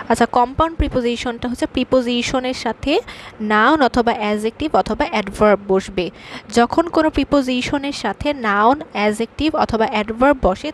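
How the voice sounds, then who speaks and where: Woman grammar teacher, slightly high voice, patient and repetitive, faint hum behind. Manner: patient, repeats key terms with many fillers. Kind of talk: explaining grammar to students.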